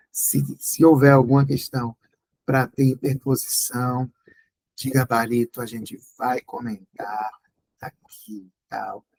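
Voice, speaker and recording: A man with a Brazilian accent leads an exam review class. His voice sits fairly high and has a gravelly edge. He keeps checking in with his listeners and shifts between quick runs and slow, drawn-out words. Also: poor audio. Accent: Brazilian Portuguese. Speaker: Portuguese exam tutor.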